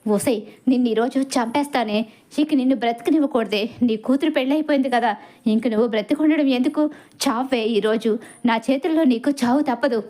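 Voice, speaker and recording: Woman doing an enraged old father, shouting, accusing, high voice. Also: fairly quick, close to an everyday voice. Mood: furious.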